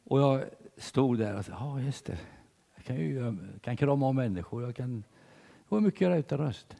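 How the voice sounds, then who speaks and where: An older man preaching a sermon in church, telling stories with big swings between loud and hushed delivery. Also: mid-range voice, expressive, vocal fry, long reverb tail.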